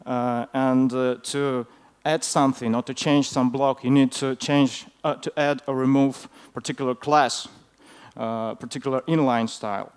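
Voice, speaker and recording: A man who is a non-native English speaker gives an informal technical talk in a hesitant, halting way, often filling his pauses. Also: mid-range voice, steady tone, clear, resonant tone. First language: not English. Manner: hesitant, halting delivery with frequent fillers. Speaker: conference speaker.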